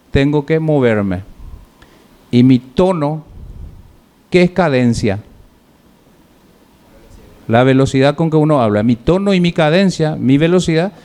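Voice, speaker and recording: A man's voice: on the high side, mellow. Man giving a classroom speaking lesson. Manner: measured, lists points with pauses and rhetorical questions. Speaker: public speaking teacher. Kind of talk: classroom feedback lecture.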